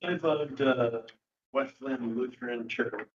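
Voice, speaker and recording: A man's voice: mid-range voice, slow, muffled recording, slight background noise. A man, a board member, making friendly small talk and asking the people around the table questions. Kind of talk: casual chat before a meeting. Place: meeting room.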